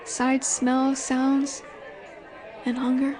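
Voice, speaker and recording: With a completely flat delivery in a high-pitched voice, a woman portrays a flirtatious, confident werewolf alpha in an audio drama roleplay. Her coy, teasing lines come out slow, assured and seductive. Chatter from a busy bar can be heard in the background.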